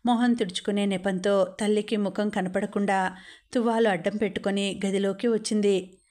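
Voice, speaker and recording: Steady woman audiobook narrator. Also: medium pitch. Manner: steady, measured reading. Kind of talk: scripted narration.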